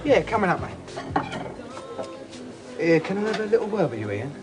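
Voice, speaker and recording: A man's voice: high voice, big pitch swings, moderate pace. An actor playing a suspicious young man in a British TV soap. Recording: TV soundtrack with loud music.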